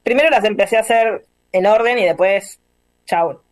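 A woman's voice: medium pitch, normal speed, no echo. Rioplatense woman, dry rambling speech. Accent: Rioplatense Spanish. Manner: rambling, searching for words. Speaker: artist guest. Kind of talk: casual video call interview. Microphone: video call.

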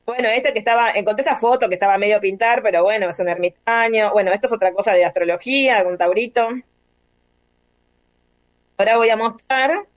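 A woman's voice: on the high side, moderate pace, long pauses, no room sound. Rioplatense woman, dry rambling speech. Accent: Rioplatense Spanish. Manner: rambling, searching for words. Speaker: artist guest. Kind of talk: casual video call interview. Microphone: video call.

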